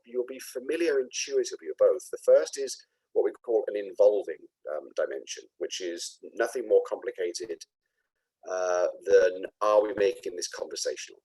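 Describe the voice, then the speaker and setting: A man with a Cockney accent walks through a product demo in an unscripted, halting way, full of restarts and fillers. His voice sits very low and has a husky edge. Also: darkish tone, rough recording. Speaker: presenter.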